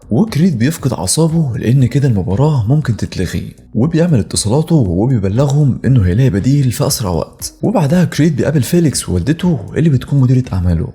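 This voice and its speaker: A man with an Egyptian Arabic accent rattles through a film recap at a very fast clip. His voice is deep and mellow, and his pitch rises and falls a lot as he tells the story. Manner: brisk storytelling. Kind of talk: fast scripted narration.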